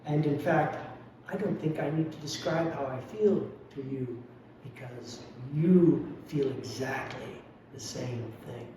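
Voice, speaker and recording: A man's voice: on the high side, takes it slowly, warm tone, slight background noise. A man giving a dharma talk as a lay Buddhist speaker, reflective and confessional with wry humor. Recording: very echoey hall, mic at a distance.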